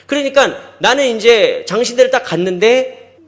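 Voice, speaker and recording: A man's voice: very high-pitched, expressive, normal speed. A male pastor giving a sermon, emphatic, with rhetorical questions to the congregation in a church sanctuary.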